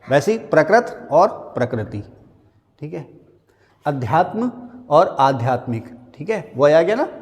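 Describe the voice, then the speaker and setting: Male teacher, a touch high, drills correct spellings in a reverberant space. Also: big pitch swings. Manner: drills words, stating the wrong and the right spelling again and again; slows right down to spell a word out. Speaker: Hindi grammar teacher. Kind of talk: classroom-style spelling lesson.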